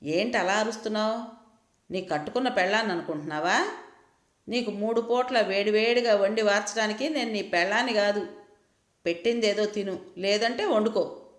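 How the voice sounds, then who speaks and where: A woman voicing a sharp-tongued, defiant young woman who answers with cutting scolds. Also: mid-range voice, lively intonation, normal speed, long pauses, lightly acted. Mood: angry. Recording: roomy echo.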